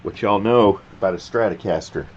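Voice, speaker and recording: A man's voice: on the low side, brisk. A man giving casual reaction commentary, rambling and often stopping to restart his sentences. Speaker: reaction video host. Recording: dull lo-fi sound with faint background noise.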